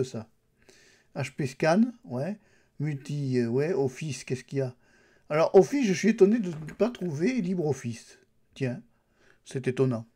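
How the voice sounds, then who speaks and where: A man with a slightly high, warm voice records his screen while testing a Linux distribution for YouTube. He talks straight to the viewer, thinking out loud in a relaxed way as he explores settings and apps.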